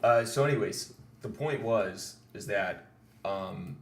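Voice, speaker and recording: A man's voice: on the low side, takes it slowly. A man co-hosting a podcast in casual chat, rambling with many restarts. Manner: rambling, restarts and laughs often. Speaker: podcast co-host. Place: studio or room for a podcast. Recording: echoey room with faint noise.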